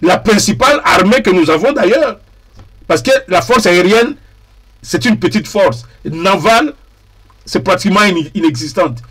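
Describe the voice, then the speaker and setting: A man speaking in a deliberate, emphatic way and repeating key phrases for weight, as a TV political commentator. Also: high-pitched, lively intonation, fairly bright tone, husky. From DR Congo.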